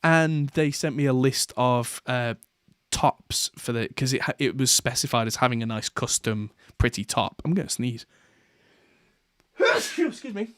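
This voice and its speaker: A man's voice: mid-range voice, big pitch swings, a little slow, a bit bright, dry recording, studio quality. A man hosting a podcast, talking casually in a rambling way with plenty of fillers and restarts. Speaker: podcast host. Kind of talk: casual chat.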